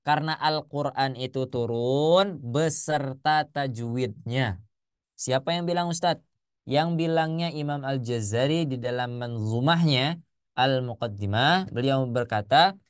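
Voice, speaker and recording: Smooth-voiced male Quran teacher. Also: medium pitch, dry recording, clean studio sound. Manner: questions the class, chants Arabic examples slowly. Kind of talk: classroom lesson.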